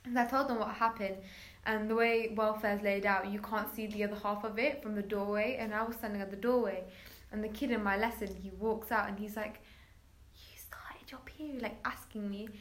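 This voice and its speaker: A woman's voice: mid-range voice, fairly even intonation, fairly quick. A woman telling a personal story as a guest in casual chat, chatty, with many filler words, acting out quoted lines.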